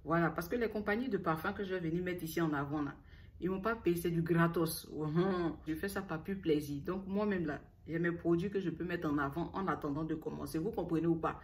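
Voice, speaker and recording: A woman's voice: fairly low pitch, fairly quick. A young woman from Ivory Coast with an Ivorian French accent, talking to camera in a chatty, teasing vlog. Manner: talks straight to the viewer, teasing, with playful asides. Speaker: beauty vlogger.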